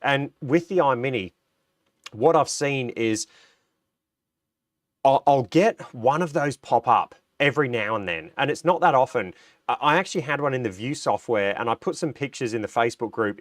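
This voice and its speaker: A man's voice: mid-range voice, no room sound. Australian man, middle-aged, nasal from a cold, chatty livestream host, dry close sound. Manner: chatty, reads out viewer comments, frequent ums and restarts. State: recovering from a cold, a bit nasal. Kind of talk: casual livestream chat.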